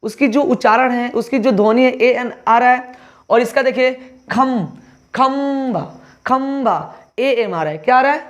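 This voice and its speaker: A man's voice: extremely high pitch, a little fast. A male teacher giving an online exam-prep lesson, spelling words letter by letter and answering his own questions. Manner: asks questions then answers them himself.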